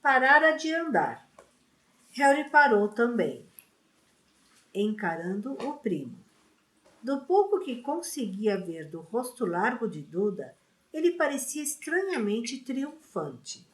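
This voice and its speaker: A woman reading a book aloud in a slow, expressive narration. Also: on the high side, reverberant. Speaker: audiobook reader.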